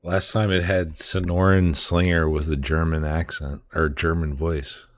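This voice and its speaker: A man's voice: very deep voice, little pitch movement, measured pace, a little hiss or hum. A man hosting a show, chatting casually in a rambling, hesitant way with many fillers while drinking beer. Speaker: host. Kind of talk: casual chat.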